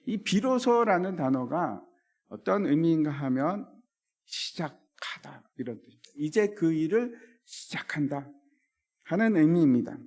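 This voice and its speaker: A male pastor preaching a sermon in an animated way, acting out the scripture he quotes. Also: fairly high pitch.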